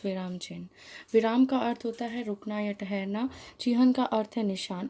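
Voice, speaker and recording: A woman teaching a school grammar class, her voice mellow and warm rather than bright. She explains step by step in a clear, deliberate way, pausing on each example and setting right her own small slips. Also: medium pitch.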